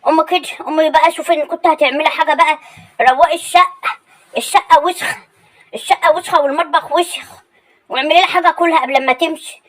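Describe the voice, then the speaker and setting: A very high-pitched, fast-talking Egyptian mother-in-law , played by a woman in a comedy sketch. She nags and scolds without pause, ordering everyone around and complaining endlessly. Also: fairly even intonation, a bit bright. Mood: bossy. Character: nagging, demanding older mother-in-law.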